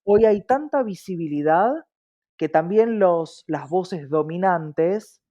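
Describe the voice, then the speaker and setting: With an Argentine Spanish accent, a male interview guest who advocates for diversity explains things articulately and emphatically, often checking in with rhetorical questions. His voice is high, expressive and slow, captured on dull, muffled lo-fi audio.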